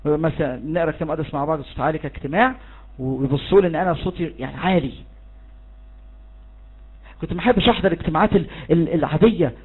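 Fast, fervent Egyptian preacher, husky. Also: male voice, on the high side. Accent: Egyptian Arabic. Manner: fervent, urges the listeners on and leads shouted declarations. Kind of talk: charismatic sermon. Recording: tinny phone-like recording.

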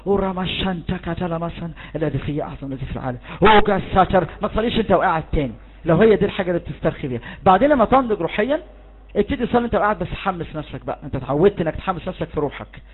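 A man's voice: high-pitched, lively intonation, very fast, husky. A man with an Egyptian Arabic accent preaching a charismatic sermon, fervently urging his listeners on and leading them in declarations. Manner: fervent, urges the listeners on and leads shouted declarations. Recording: tinny phone-like recording.

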